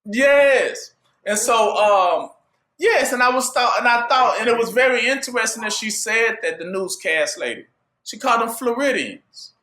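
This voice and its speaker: High, bright-voiced preacher in echoey room. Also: male voice, animated, moderate pace. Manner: call-and-response rhetorical questions. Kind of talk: sermon.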